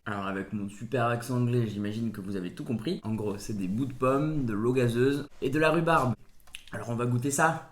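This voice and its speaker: Sitting at his table at home, a food reviewer runs a laid-back tasting vlog, punning playfully and giving mock-solemn verdicts. He speaks fairly quickly at medium pitch, with a little hiss or hum and a roomy echo in the audio.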